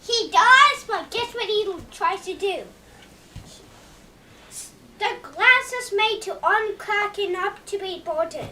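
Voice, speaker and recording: A young woman chatting casually in a movie review, excitable and emphatic, leaning hard on "literally". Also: very high voice, slow, recorded from a distance, slight background noise.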